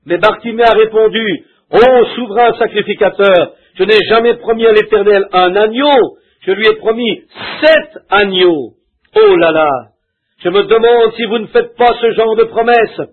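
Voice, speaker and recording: A man's voice: sits high, moderate pace. A man delivering a sermon in a fervent, pleading preaching manner. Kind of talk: French dubbed reading of a sermon. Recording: tinny, narrow lo-fi tape sound.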